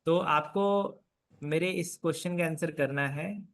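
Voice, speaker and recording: A man's voice: fairly high pitch, steady tone, measured pace, fairly bright tone. A man leading an online sales coaching session, prompting and encouraging his students. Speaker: sales trainer.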